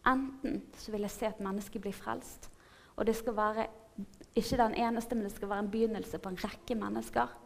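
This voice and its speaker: A woman in her thirties giving a personal faith testimony in an earnest, animated way, often laughing and checking in with her listeners. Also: medium pitch, vocal fry. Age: 30s.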